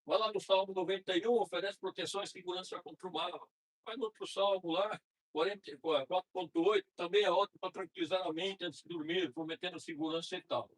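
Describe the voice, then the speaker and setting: A middle-aged Brazilian man lecturing at a spiritist center in a conversational way, slowing down to read prayers aloud. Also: high voice, fairly even intonation, husky, poor audio. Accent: Brazilian Portuguese. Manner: conversational, frequent tag questions, slows to read prayers. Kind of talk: informal spiritist talk.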